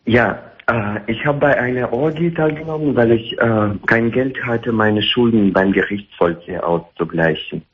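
A man in his twenties with a Russian accent, calling in to a late-night radio show, talking haltingly with many hesitations on a line that echoes hollowly. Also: mid-range voice, slightly rough. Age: 20s. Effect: echoey, hollow sound on his line. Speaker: caller. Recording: muffled echoey phone line.

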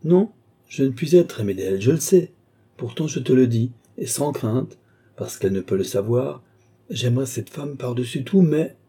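Wily old noble marshal, read by a man: dark husky tone, scheming, sharp exclamatory jumps. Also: medium pitch, animated, normal speed. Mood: musing. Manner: exclamatory, mocking, rising to sharp outbursts. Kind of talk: audiobook reading of a classic novel.

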